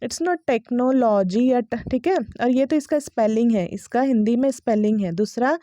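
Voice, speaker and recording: A young woman teaching English pronunciation in a relaxed lesson. Her voice is higher than most and warm rather than bright. She switches between Hindi and English and repeats each word slowly several times. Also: no room sound, clean studio sound. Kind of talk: casual spoken lesson.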